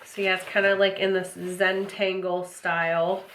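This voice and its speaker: A woman's voice: fairly low pitch, level tone, measured pace. An American woman with a wheezy, congested, out-of-breath voice chats casually as she hosts an unboxing review. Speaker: host of an unboxing channel. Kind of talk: casual chat, product review. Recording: roomy echo, clear background noise.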